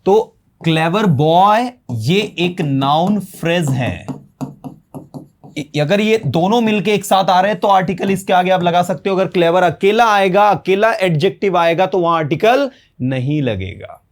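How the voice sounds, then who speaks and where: A man's voice: high voice, expressive, measured pace. A man with a Hindi accent teaching an English grammar lesson, mixing Hindi with English terms and asking rhetorical questions. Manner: explains in Hindi mixed with English terms, asks rhetorical questions and answers them. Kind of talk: classroom-style grammar lesson.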